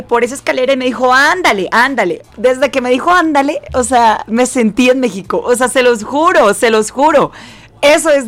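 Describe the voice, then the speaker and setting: A woman radio host chatting intensely and nonstop with her listeners and callers. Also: on the high side. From not from Mexico. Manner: talkative, intense, excitable. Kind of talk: lively radio chat with callers. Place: radio studio.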